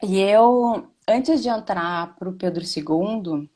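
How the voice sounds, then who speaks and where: A woman who teaches administration chats casually during a live class on a video call, often restarting hesitantly. She has a Rio Grande do Sul Portuguese accent, and her mid-range voice is dark and slow.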